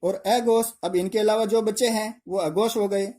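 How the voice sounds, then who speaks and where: A man's voice: high voice, fairly even intonation, normal speed, mellow. A man teaching pronunciation for exams, explaining step by step and asking and answering his own questions. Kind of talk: exam-prep grammar lesson.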